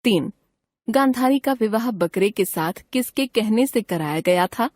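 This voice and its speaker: A woman reading a grammar textbook aloud in an even, measured way. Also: fairly high pitch, dry recording, studio quality. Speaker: textbook narrator.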